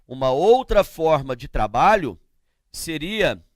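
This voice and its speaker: Brazilian guy teaching grammar, kinda high voice, slow and deliberate, asks the class stuff then answers it himself. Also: big pitch swings, no echo, clean studio sound. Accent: Brazilian Portuguese. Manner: slow and emphatic, spelling out letters and sounds.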